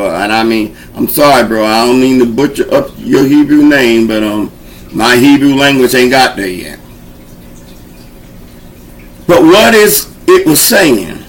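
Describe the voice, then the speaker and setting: A show host offers informal sermon teaching in a folksy, conversational way, coaxing his audience along with call-and-response. He has a fairly high, fairly bright voice, and the recording quality is low.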